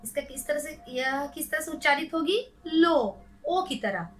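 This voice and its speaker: In a Hindi phonics lesson for young children, a woman speaks with a high, expressive, fairly bright voice at a moderate pace. She patiently sounds out each syllable and asks the kids questions along the way.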